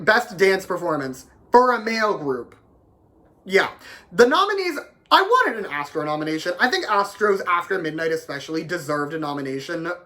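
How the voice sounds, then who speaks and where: A man's voice: sits high, sharp tone. A man vlogging at home, giving blunt, sarcastic and heated opinions to camera, with a fair amount of swearing. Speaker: K-pop commentary vlogger. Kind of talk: opinionated casual rant to camera. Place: home, with a dog nearby.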